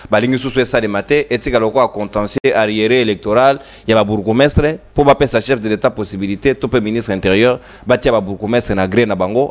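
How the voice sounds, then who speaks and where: A man from Congo hosting a TV talk show, thanking guests, listing callers and asking questions. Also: fairly low pitch. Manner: lists names and callers, asks questions. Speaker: TV show host.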